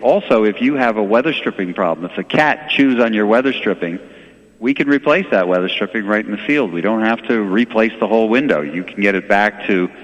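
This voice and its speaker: A man's voice: lowish voice, fairly quick, big-room sound, muffled recording. A man giving explanatory sales talk as an expert guest in a radio interview. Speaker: window and door company expert, guest.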